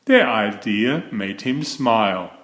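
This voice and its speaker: A man who is a children's author reads a picture book aloud with expressive storytelling flair. His pitch roams widely, his pace is unhurried, and the room gives off an audible echo.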